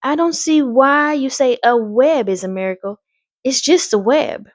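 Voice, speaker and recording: A woman's voice: sits high, unhurried, no room sound, studio quality, voice pushed up. A woman voicing a fretful, proper mother in a storybook, with an anxious, earnest and rather vague manner. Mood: nervous, puzzled.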